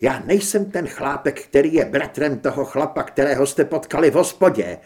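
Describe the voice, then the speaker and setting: A fiery, indignant young reporter from a storybook, read by a male narrator. He speaks forcefully, with a lively, swinging pitch. He drives every sentence hard. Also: close to an everyday voice.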